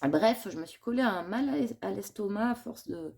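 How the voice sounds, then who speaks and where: A woman's voice: mid-range voice, lively intonation, a little fast, vocal fry, darkish tone, slightly rough. A woman chatting casually in a coloring vlog, thinking aloud in a rambling, confiding way and admitting her worries. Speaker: coloring vlogger.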